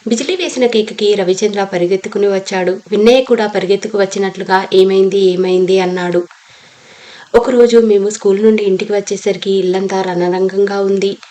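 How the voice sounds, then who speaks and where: A woman's voice: mid-range voice, steady tone, brisk, warm tone. A woman reading a novel aloud as an audiobook narrator, telling the story steadily and reading every character's lines in her own voice.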